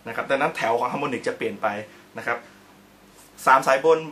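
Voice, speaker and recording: A man's voice: medium pitch, fast, fairly bright tone. A man teaching in a casual instructional video, chatty and polite, explaining each step while he demonstrates on the guitar and records himself on his own camera. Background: guitar playing.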